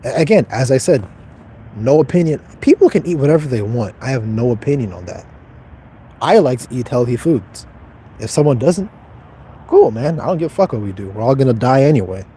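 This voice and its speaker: A man's voice: mid-range voice, sing-song, a little fast, dark tone, a little hiss or hum. A man in his twenties livestreaming, reading chat questions aloud and answering them in a blunt, profane, detached way. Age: 20s.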